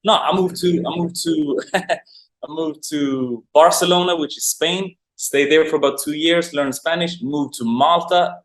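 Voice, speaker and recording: A young man from Sweden speaks a little slowly in a voice on the high side, loosely and cheerfully describing his life as a guest in a casual interview. He does online marketing for dancers, laughs often, leans heavily on "like," and is heard over an echoey remote call from abroad.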